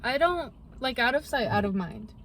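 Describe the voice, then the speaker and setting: A woman's voice: a little high, lively intonation, normal speed, a bit bright, a little hiss or hum. A young woman co-hosting a podcast, chatting casually and rambling with lots of fillers. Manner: rambling, filler-heavy storytelling. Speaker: podcast co-host. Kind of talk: casual chat.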